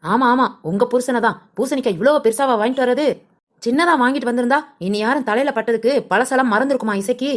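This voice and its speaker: A woman voicing a fussy, excitable village woman in a cartoon who exclaims and complains. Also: on the high side, quick pace, lightly acted. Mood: fretful. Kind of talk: cartoon voice acting.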